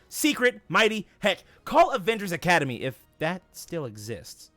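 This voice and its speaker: A man's voice: on the high side, dry recording. A man voicing a young, nervous superhero who rambles and wisecracks at his own expense in a comic reading. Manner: rambling, self-deprecating.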